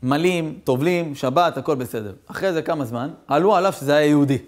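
A male rabbi telling a story in a sermon, animated and acting out the voices of the characters. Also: on the high side.

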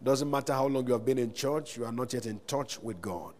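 Speaking fairly quickly in a mid-range, slightly mellow voice, a Nigerian pastor delivers a sermon with rising calls to his congregation between scripture readings. The live recording from a large church hall has a long reverb tail.

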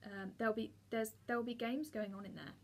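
Brief: breezy, amused schoolboy, slightly husky, read by a woman. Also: a little high, fairly even intonation, brisk. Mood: reassuring. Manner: breezy, reassuring.

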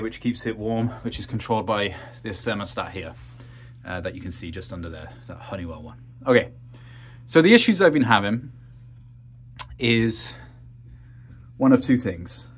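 A man's voice: medium pitch, breathy edge. A man walking through his home heating system in a casual vlog, talking in a rambling, practical way with many ums and uhs, from a cramped crawl space and utility room. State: out of breath after crawling.

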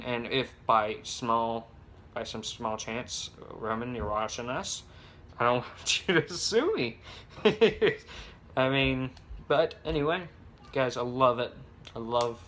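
A man's voice: medium pitch, fairly bright tone, a little hiss or hum. A young man making a casual home vlog on his phone, rambling with many restarts and fillers. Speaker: vlogger. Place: home with babies heard nearby. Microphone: phone camera.

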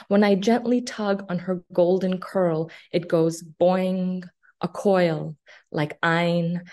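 A poet in her thirties, born in Afghanistan and a native Farsi speaker, gives a slow poetry reading over a laptop webcam video call from a small indoor office. Her fairly low, slightly mellow voice recites in a measured, deliberate manner with long pauses.

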